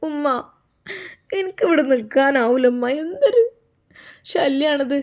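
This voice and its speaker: A woman's voice: sits high, expressive, takes it slowly, darkish tone. A woman voicing a young daughter-in-law who complains tearfully, speaking with a Malappuram Malayalam accent. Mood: whining. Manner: tearful, whining, accusing.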